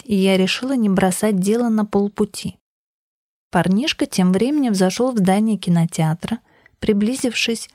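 Female audiobook narrator, mid-pitched, measured and even, close dry recording. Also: dry recording. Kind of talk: scripted first-person narration.

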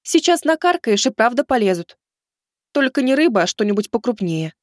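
A male narrator voicing a young woman scout who is blunt and brave, speaking high and lively. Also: brisk, no echo, studio quality. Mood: teasing. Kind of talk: audiobook character voice.

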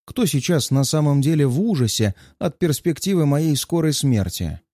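A male audiobook narrator with an ironic, playful delivery and a pitch that rises and falls with lots of life. His tone is mellow and soft-edged, and the recording is close and dry. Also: moderate pace, no echo. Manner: ironic, lively storytelling. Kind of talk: first-person audiobook narration.

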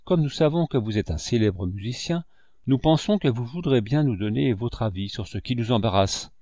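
A man's voice: medium pitch, animated, moderate pace, warm tone, dry recording, clean studio sound. A man voicing a clever, eager young boy musician who speaks politely and earnestly in an audiobook. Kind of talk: audiobook character voice.

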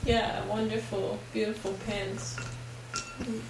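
A woman's voice: mid-range voice, flat delivery, slow, gravelly. A woman chatting casually as a podcast guest, giggly and self-deprecating, laughing often. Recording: echoey room, distant mic, noisy background.

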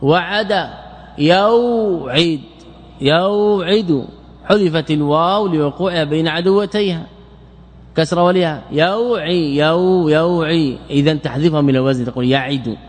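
Man, fairly high voice, lecturing in a hall with long reverb, quizzes himself as he goes. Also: moderate pace. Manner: repeats words, asks and answers his own questions. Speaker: sheikh teaching Arabic morphology. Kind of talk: classroom lecture explaining grammar.

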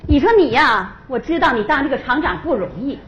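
A woman's voice: sits high, lively intonation, a little fast, lo-fi sound, a little hiss or hum. A woman playing a bustling, hospitable wife who keeps the peace in a stage comedy sketch. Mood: coaxing. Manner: bustling, coaxing.

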